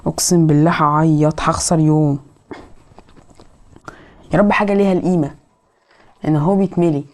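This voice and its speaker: A woman with an Egyptian accent giving excitable let's play commentary, scolding the game characters. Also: sits low, brisk. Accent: Egyptian Arabic. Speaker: gamer.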